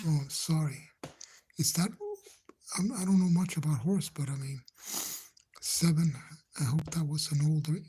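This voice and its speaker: A man livestreaming from a phone indoors at home, chatting gently with viewers in a hushed, halting whisper so no one in the house hears him. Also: fairly high pitch, breathy edge. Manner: halting, rambling, gentle, nervous. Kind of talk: hushed casual live chat. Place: indoors in a house he shares, speaking quietly.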